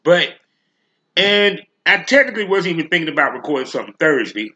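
A man's voice: fairly high pitch, very animated, fairly quick, sharp tone, highs cut off. A man hosting a solo podcast rant, speaking bluntly and emphatically with heavy slang and profanity. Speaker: podcast host.

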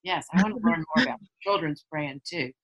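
A woman's voice: fairly low pitch, expressive, a little fast, dull audio, crowd noise. A woman co-hosting a podcast interview, asking questions and affirming answers. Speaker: podcast co-host.

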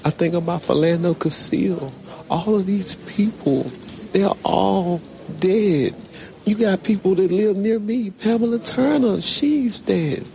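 A man's voice: high-pitched, a little slow, vocal fry, dark tone. A man speaking with impassioned emotion in an archived news clip, his voice rising as he goes on. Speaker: victim's brother, interviewee. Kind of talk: emotional statement to press. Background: crowd.

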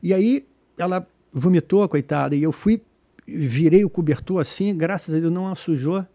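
A man's voice: fairly high pitch, moderate pace. A man from Brazil telling a travel story in casual podcast chat, acting out the dialogue and laughing often. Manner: animated storyteller, acts out dialogue, laughs a lot. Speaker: group travel organizer telling stories.

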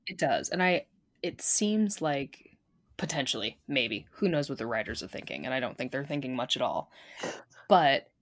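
A woman's voice: a bass voice, very animated, moderate pace. A woman co-hosting a podcast, talking casually with frequent laughs and fillers. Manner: chatty, laughs often, lots of fillers. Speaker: podcast co-host.

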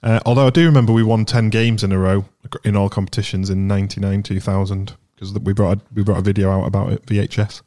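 A man's voice: on the low side, little pitch movement, fast talker, hardly any pauses, mellow. A man on a football podcast, rattling off club statistics in casual chat. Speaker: podcast co-host.

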